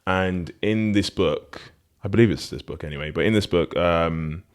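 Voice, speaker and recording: A man with a very low voice, chatting casually as a podcast host. He rambles and restarts his sentences, laughing often as he talks. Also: normal speed. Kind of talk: casual conversation.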